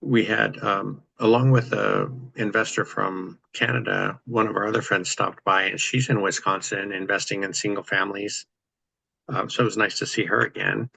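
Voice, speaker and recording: A man's voice: on the low side, steady tone, normal speed, creaky, pushed and bright, slightly rough, dry recording, low-quality recording. A man hosting a casual video-call chat among property investors, explaining things in a practical, easygoing way. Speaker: real estate investor host.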